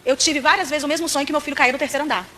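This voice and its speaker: A Brazilian woman preaching a testimony at a rapid clip, her voice pitched very high. She tells her story dramatically and turns to the congregation as she goes. Her tone is bright and forceful. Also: fairly even intonation. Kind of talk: animated church testimony.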